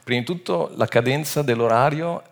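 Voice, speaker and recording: A man preaching a Bible sermon, expressive, rising to loud emphatic peaks and sinking low and quiet, often restarting words mid-phrase. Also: a little fast, gravelly.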